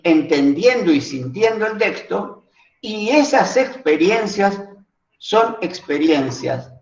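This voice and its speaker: A man teaching a workshop class on reading aloud, reflective, often asking rhetorical questions of his listeners. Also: fairly high pitch. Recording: roomy, dull lo-fi recording.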